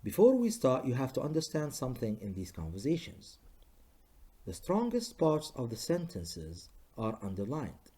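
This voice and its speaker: Man teaching an English lesson, warm mellow voice, very lively pitch, patient and repeating. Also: husky. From Libya. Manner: slow, patient, models sentences by repeating them. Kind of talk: recorded classroom lesson for students.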